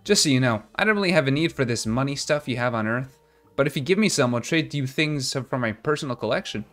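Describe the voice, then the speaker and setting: A man's voice: medium pitch, lively intonation, quick pace, a bit bright, soft background music, close to an everyday voice. A man reading out the lines of a gossipy, worried oracle fish in a video game. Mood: matter-of-fact. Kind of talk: video game dialogue read aloud.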